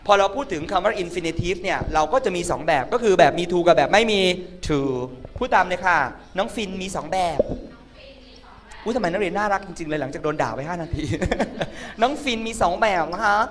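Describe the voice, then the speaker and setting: A man's voice: high-pitched, lively intonation, moderate pace. A man teaching an English grammar class, flamboyant and teasing, chanting word lists for students to repeat. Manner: drills vocabulary in sing-song chants. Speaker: English tutor. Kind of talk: comedic classroom grammar lesson.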